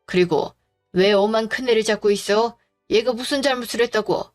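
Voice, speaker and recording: Casting: gruff, scolding old father-in-law, read by a woman, faint music behind. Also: a little high, brisk, close to an everyday voice. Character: stern grumpy older father-in-law.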